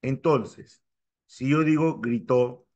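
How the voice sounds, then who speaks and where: A man's voice: darkish tone, muffled recording. Emphatic male grammar teacher. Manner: keeps quizzing students with quick rhetorical questions; emphatic, jumps up in pitch to stress key terms. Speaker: language teacher. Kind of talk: exam-prep grammar lecture.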